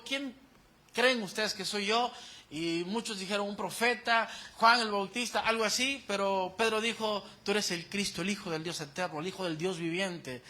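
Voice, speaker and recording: High, bright-voiced male preacher. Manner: animated preaching, calls the congregation to repeat phrases. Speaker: pastor. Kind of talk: sermon.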